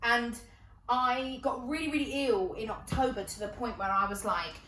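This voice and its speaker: A woman, telling stories in a casual, animated, self-mocking way and swearing freely. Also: fairly high pitch, normal speed, recorded from a distance, a little hiss or hum. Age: 20s. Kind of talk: casual storytelling monologue. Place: indoors, sitting on the floor. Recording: roomy echo.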